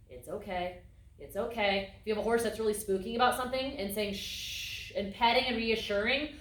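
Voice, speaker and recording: A woman instructor giving a calm, explanatory lecture on horses, acting out voice tones as she goes. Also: a little high. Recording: echoey room, mic at a distance.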